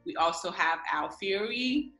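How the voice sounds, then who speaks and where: Young woman from ghana, bright low-ish voice, chatty with lots of ums, echoey room with faint music. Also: measured pace. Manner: relaxed, many fillers. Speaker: interview guest, music publicist. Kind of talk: casual interview chat.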